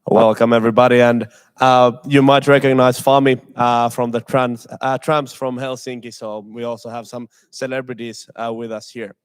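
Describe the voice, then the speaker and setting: A young Finnish man moderates a student panel on a livestream, his voice medium-pitched, level, smooth and moderately paced. He sounds hesitant and fills his speech with lots of filler sounds.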